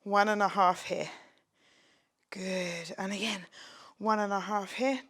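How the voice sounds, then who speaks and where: A woman's voice: mid-range voice, fairly even intonation, slow, a bit bright. A young woman leading a home workout, upbeat and encouraging, exercising as she talks and sometimes dropping to a whisper. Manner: upbeat, encouraging, chatty with jokes; exercising while talking, drops to a whisper at times. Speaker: fitness instructor. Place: her home, near a street window.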